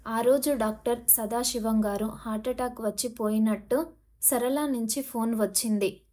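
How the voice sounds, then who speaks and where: Woman narrating a novel, fairly high voice. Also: fairly even intonation, normal speed, mellow. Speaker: audiobook narrator. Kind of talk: scripted narration of a family novel.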